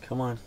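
A young man in a small ice fishing shelter, giving excited running commentary on each bite as he fishes. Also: a little hiss or hum.

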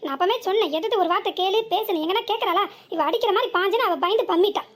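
A woman's voice: very high voice, rapid-fire. A woman voicing a defiant young sister-in-law in a comic cartoon, with a southern Tamil village accent and a mocking, back-talking manner. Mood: sarcastic. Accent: southern Tamil village dialect. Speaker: cartoon character.

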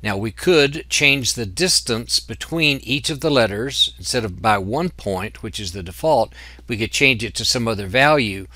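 Patient man with a bright voice. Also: mid-range voice, expressive, normal speed, no room sound. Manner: patient, step-by-step explaining. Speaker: software instructor. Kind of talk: screen-recorded tutorial walkthrough.

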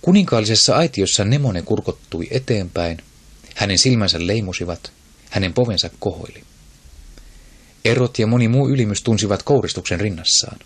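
A man narrating an audiobook in a steady, even storytelling manner. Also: on the low side, breathy edge. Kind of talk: scripted narration.

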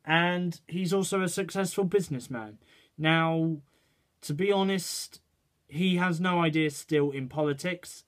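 A man ranting his opinions to camera in a rambling way, checking in with "right" and "okay". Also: fairly high pitch. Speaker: vlogger. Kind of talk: casual opinion rant to camera.

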